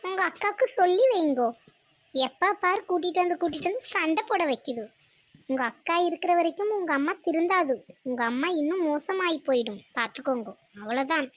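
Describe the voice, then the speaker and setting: Actress as a sharp-tongued young daughter-in-law, sarcastic and scolding, bright higher voice, dry close sound. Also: female voice, lively intonation, a little fast, no echo. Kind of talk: cartoon voice acting.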